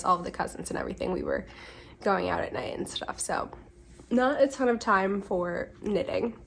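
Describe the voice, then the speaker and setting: A woman in her twenties hosts a casual podcast chat from home on a windy day, her mid-range voice slightly congested from a cold. She rambles, with lots of ums and self-corrections, and a little hiss or hum is audible.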